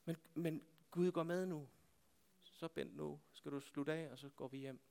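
Guy preaching a sermon, kinda high voice, gets loud and fired up then goes real quiet. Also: fairly even intonation, gravelly. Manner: impassioned, calling out to God, then dropping to hushed tones. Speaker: pastor.

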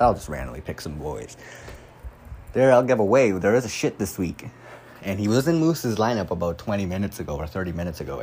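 A man hosts a casual solo fantasy football podcast from a room at home with a door nearby, rambling, getting sidetracked and swearing freely. His voice is low-pitched and a little mellow, and the recording carries a slight hiss or hum.

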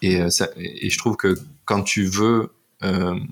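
A man's voice: deep voice, fairly even intonation, slow pace. A man hosting a casual podcast interview, rambling with many fillers and restarts. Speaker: podcast host.

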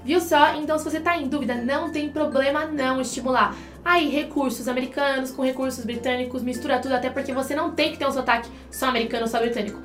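Speaking directly to viewers of her online English lesson, a Brazilian co-host and teacher explains with examples in a chatty manner. She talks fast in a high, fairly bright voice with fairly even intonation, over soft background music in a roomy-sounding space.

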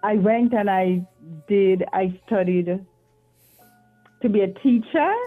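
Lady in her 50s, earnest devout guest, husky-ish voice, phone-line sound. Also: mid-range voice, slow pace, faint music behind. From Jamaica. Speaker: author and retired teacher, guest. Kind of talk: interview answers over a call. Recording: tinny phone-line audio.

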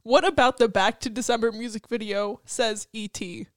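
A woman's voice: fairly high pitch, fairly even intonation, normal speed, dry recording, studio quality. A woman co-hosting a podcast in casual chat, swearing often with laughing mock outrage. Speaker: podcast co-host.

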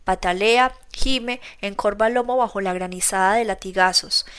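A woman's voice: medium pitch, moderate pace, a bit bright, clear, resonant tone. Woman reading a novel aloud. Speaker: audiobook reader. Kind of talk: scripted narration.

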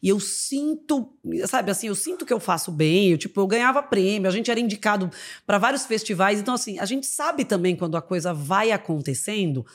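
A woman's voice: medium pitch, fairly quick. A woman in her thirties from Brazil, a comedian telling funny stories on a podcast and acting out other people's voices. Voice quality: animated, acts out voices in shrieks. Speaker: guest comedian. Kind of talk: lively podcast storytelling.

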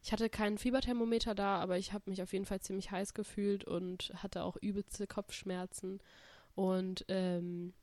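A woman's voice: medium pitch, flat delivery, normal speed, darkish tone, no room sound. A young woman chatting casually as a podcast co-host, rambling and slangy, mildly sick with a stuffy nose. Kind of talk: casual chat.

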